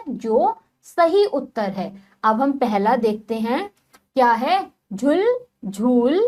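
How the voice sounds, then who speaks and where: A woman teacher leading a primary-school lesson from a textbook. She sounds out letters and words carefully and keeps asking the children questions. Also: sits high. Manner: patient, sounds out letters slowly and asks the class questions.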